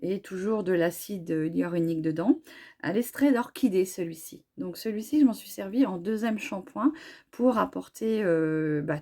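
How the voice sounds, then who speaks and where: A middle-aged woman with a hoarse voice from a cold, chatting casually about her hair products with many fillers and restarts. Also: lowish voice, mellow. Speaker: beauty vlogger.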